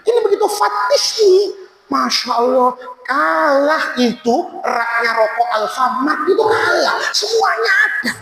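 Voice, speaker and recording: Guy preaching, high pitched and super animated, shouty bits, echoey room with faint hiss. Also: unhurried, vocal fry. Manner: lively, swings between high shouts and low asides. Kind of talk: humorous storytelling sermon. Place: large religious hall. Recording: echoey hall, faint noise.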